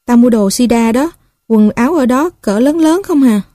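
A woman's voice: on the high side, animated, moderate pace, warm tone, no room sound, studio quality, lightly acted. A woman with a Southern Vietnamese accent voicing a scrappy, boastful young male street kid who talks in bossy slang.

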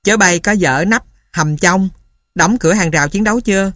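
A man reading a story and voicing a gruff, blunt older guerrilla man. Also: high-pitched, normal speed, sharp tone, no echo, clean studio sound.

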